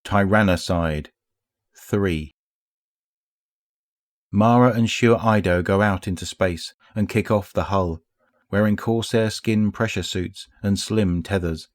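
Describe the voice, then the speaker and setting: A man narrates game lore as an audiobook with a measured, steady pace. His voice sits low. The recording is dry and close to the mic. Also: no room sound.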